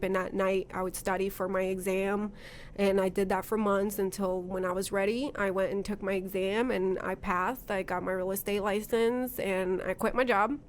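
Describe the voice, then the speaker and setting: A woman from Brazil, a guest on a podcast, telling her story in a chatty way with lots of "um" and "you know". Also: mid-range voice. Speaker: podcast guest, makeup artist. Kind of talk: casual chat.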